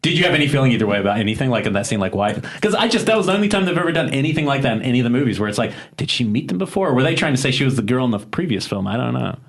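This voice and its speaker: A man's voice: medium pitch, sing-song, racing, gravelly, hardly any pauses. A man co-hosting a podcast, quizzing and teasing his guest in casual chat. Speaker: podcast co-host.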